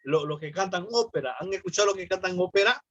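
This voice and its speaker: A man's voice: sits high, fast talker, fairly bright tone, dry recording, lo-fi sound. A man, a pastor, teaching a church class on public speaking. He explains terms, asks the class questions and acts out sample greetings.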